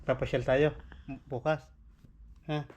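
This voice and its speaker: A man's voice: on the high side, flat delivery, takes it slowly, dull audio. A father, chatting in playful baby talk with his toddler at home late at night, coaxing and teasing and repeating the same questions. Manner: coaxing and teasing, asks the same question again and again with soft laughs. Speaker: father and vlogger.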